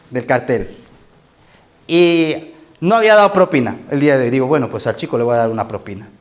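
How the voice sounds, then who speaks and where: A male pastor, preaching in a conversational sermon style and often checking in with "¿ok?". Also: medium pitch.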